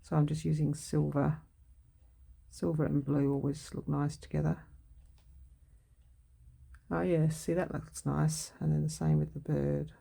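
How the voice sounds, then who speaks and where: Gravelly, mellow-voiced woman crafting. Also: sits low, little pitch movement, a little slow, pauses often. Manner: muses aloud while working, self-correcting. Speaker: craft video host. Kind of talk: casual crafting narration.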